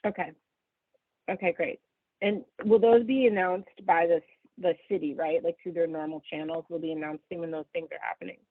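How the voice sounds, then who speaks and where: A woman's voice: on the low side, fairly even intonation, brisk, dry recording. A woman speaking over the phone as a member of the public at a meeting, polite and hesitant, with many fillers. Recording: tinny dry phone line.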